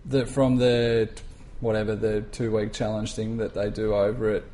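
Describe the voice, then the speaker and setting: A man's voice: fairly low pitch, flat delivery, moderate pace, dark tone. A man, co-hosting a casual podcast with laid-back, meandering remarks. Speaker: podcast co-host. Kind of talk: casual chat.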